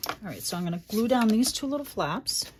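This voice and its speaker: This crafting channel host from the Boston area, USA, has a mid-range voice and a Boston accent, talking in an animated, fairly quick way over a noisy background. She chats casually through a crafting tutorial, thinking aloud and dropping into quiet asides as she works on her project.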